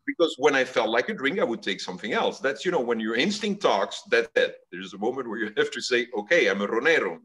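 A middle-aged man from Belgium, a guest telling stories in a relaxed way over a video call from his home study. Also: mid-range voice, quick pace, hardly any pauses, husky, rough recording. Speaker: guest, cigar company executive.

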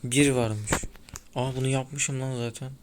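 A man's voice: mid-range voice, fairly even intonation, unhurried. A man giving casual gameplay commentary, chatting to viewers and grumbling as he plays. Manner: chatty, grumbling, talks to viewers while playing. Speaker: gaming YouTuber. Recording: loud car game sound behind voice. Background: racing game engine and tire noise.

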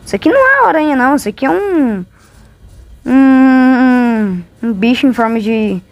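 A woman with a Brazilian accent giving casual, exclamatory, complaining commentary as a gamer playing along. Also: fairly high pitch.

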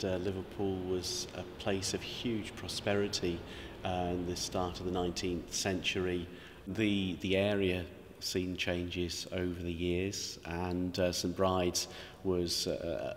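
A man's voice: sits low, level tone, unhurried, few pauses. A middle-aged man, a vicar, speaking hesitantly with many ums in an interview inside a church. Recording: reverberant church with faint noise.

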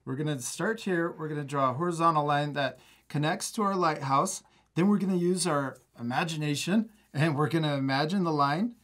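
An encouraging, cheerful man in his thirties leads kids through a drawing, one step at a time, from an art studio. He takes his explanations slowly, and his voice leans high with a touch of brightness.

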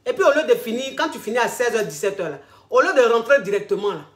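Woman chatting advice to her viewers, kinda high voice, echoey room. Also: very animated, fast talker. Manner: familiar, repetitive, addresses listeners as darling. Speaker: vlog host giving relationship advice. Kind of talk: casual advice talk. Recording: roomy echo.

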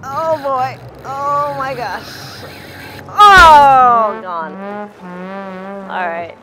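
A woman in her thirties co-hosting a casual fishing vlog, expressive and groaning outdoors on a boat and a dock. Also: high voice, extremely slow, slight background noise. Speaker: vlog co-host, fishing competitor.

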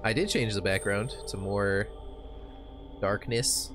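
A man's voice: fairly low pitch, takes it slowly, background noise. A man from Texas, live-streaming a horror game and joking with his chat. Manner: joking, talks to chat, sings snatches.

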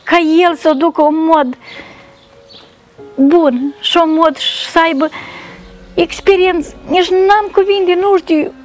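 Very high-voiced pleading woman. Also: fairly even intonation, pauses often. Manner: repetitive, pleading. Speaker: mother seeking charity help. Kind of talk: emotional testimony.

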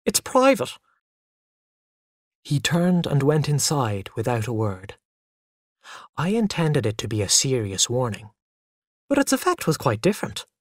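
Lively first-person storyteller. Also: mid-range voice, moderate pace, dry recording, studio quality. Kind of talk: first-person story narration for English learners.

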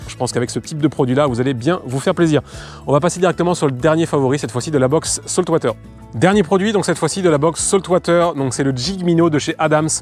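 A young man gives a casual fishing lure demo outdoors, talking in quick, loose explanations full of fillers. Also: fairly high pitch, a little mellow. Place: outdoors by the water.

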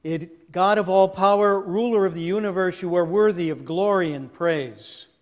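A man, a priest leading a communion service, reciting the prayer in a slow, solemn, measured way, his voice carried by a long cathedral-like echo. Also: high voice. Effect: long cathedral-like echo around the voice. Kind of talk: chanted liturgical prayer. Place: large church. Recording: long echo in a large church.

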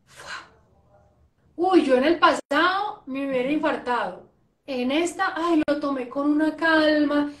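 A woman who hosts a conversational interview and talks in an animated, expressive way, often repeating phrases for emphasis. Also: high voice, unhurried, pauses often. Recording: echoey room.

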